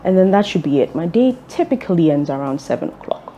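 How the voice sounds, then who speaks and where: Young woman with a dark, low voice. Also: animated, lo-fi sound, slight background noise. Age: young adult. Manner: measured, orderly, with occasional ums. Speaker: executive director of a fuel transport firm. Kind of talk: interview answers.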